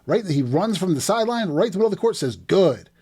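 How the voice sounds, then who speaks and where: A man's voice: high voice, fast talker, breathy edge. A middle-aged man from New Jersey hosting a sports video, walking through game footage play by play with emphatic, repeated phrases. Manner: animated play-by-play, emphatic restarts. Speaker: host breaking down game footage.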